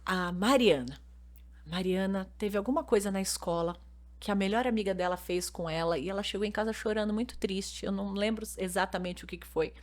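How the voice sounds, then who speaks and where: A woman's voice: mid-range voice, a little fast. A woman pastor with a Brazilian Portuguese accent, a mother, talking casually on a podcast and explaining through stories she retells. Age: adult mother. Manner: earnest, explains with lively retold anecdotes. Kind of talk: casual podcast conversation with storytelling.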